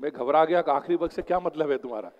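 Male, motivational seminar talk, storytelling, fairly high-pitched, lecture hall with long reverb. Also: fast, lo-fi sound. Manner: storytelling, mixes English phrases into Hindi. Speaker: motivational speaker and exam coach.

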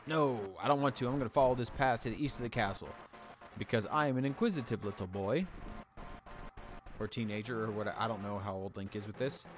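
A man streaming a video game from home in casual let's-play commentary, playful and animated, reading game text aloud and humming along. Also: mid-range voice, fairly quick, a little hiss or hum.

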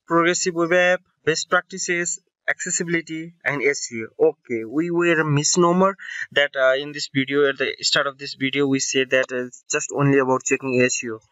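A man's voice: on the high side, steady tone, normal speed, a bit bright, dry recording, muffled recording. A man narrating a screen-recording tech tutorial, explaining step by step with fillers and self-corrections.

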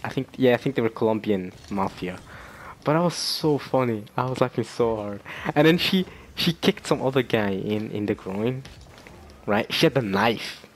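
A man's voice: mid-range voice, lively intonation, moderate pace, slight background noise. A young man vlogging in a casual, rambling way, with many fillers and restarts, often breaking into laughter. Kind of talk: casual chat.

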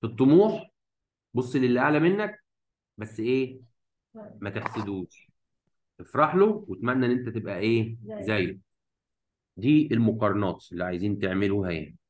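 A man's voice: fairly low pitch, expressive, darkish tone, rough recording. A man with an Egyptian Arabic accent teaches an English grammar lesson, switching between Arabic and English and quizzing his students with rhetorical prompts. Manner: stretches out English words slowly when modeling them.

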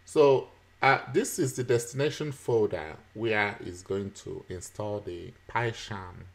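Teacher, male, somewhat low voice, patient step-by-step tutorial delivery, chuckles and "uh" fillers. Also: slow, creaky. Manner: chuckles often, frequent "uh" fillers. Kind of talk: screen-recorded software tutorial.

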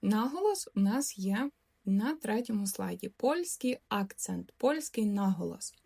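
Casting: young woman, language teacher, clear and patient, stretches out example words for repetition. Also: medium pitch, animated, unhurried, dark tone. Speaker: Polish teacher. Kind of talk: language lesson.

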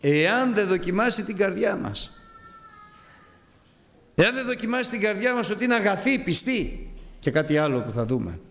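A man preaching a sermon on a Gospel passage, animated, swinging from high exclamations to low asides and acting out the voices he quotes. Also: long pauses, long reverb tail.

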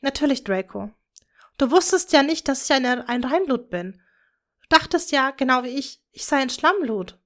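A young, earnest witch speaks eagerly to her family, voiced by a woman reading aloud. The voice is a little brighter and higher than the narration, sincere and devoted. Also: animated, normal speed. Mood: gentle.

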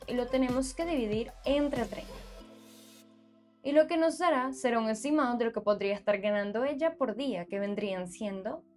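A woman hosting her own channel, narrating a screen-recorded tutorial and calmly walking viewers through numbers step by step. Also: fairly high pitch. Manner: steady, explanatory, walks through numbers step by step. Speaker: YouTube channel host.

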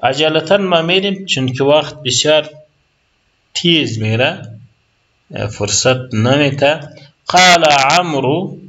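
A man with an Afghan Dari accent lecturing on Arabic, reading example sentences slowly and then explaining them patiently. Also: on the high side, a bit bright. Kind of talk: recorded lecture. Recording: dull lo-fi lecture recording.

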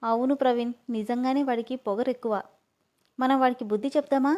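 A woman's voice: fairly high pitch, fairly even intonation, a little fast, a little mellow, lightly acted. A woman voicing a sulky, spoiled teenage schoolgirl who whines and complains. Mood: whiny. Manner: whiny, complaining.

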